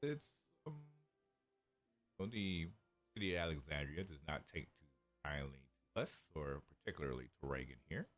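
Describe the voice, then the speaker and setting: A man's voice: very deep voice, very animated, normal speed, fairly bright tone, faint music behind. A man speaking formally as a tabletop game player over an online call. His audio cuts out and the volume is uneven, and he hesitates with fillers. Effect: audio cutting out, uneven volume.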